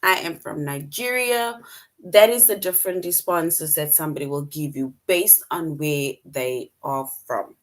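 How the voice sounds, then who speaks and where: A woman's voice: sits low, measured pace. A woman teaching an online English lesson to young children, patient and repetitive, often checking in with "right?".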